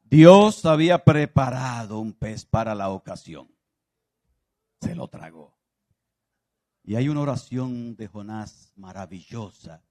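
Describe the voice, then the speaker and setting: A pastor preaching a sermon, moving from loud exclaiming to soft confiding speech and acting out biblical voices as he tells the stories. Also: mid-range voice. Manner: acts out biblical voices in his telling.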